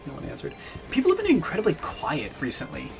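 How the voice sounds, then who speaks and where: A young man chatting casually while playing a game, laughing often and sometimes rushing his words. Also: on the high side, huge pitch swings, vocal fry. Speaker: streamer and video creator. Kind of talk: casual gaming chat. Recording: game music under voice.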